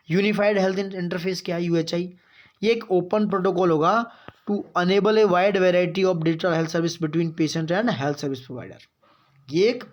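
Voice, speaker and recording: A man giving a current-affairs lesson for exam students, reading out points slowly and then explaining them in chatty asides, often checking that his students follow. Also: high-pitched. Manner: mixes in English phrases, reads slowly, explains in chatty asides; keeps asking "got it, friends?". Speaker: exam-prep teacher.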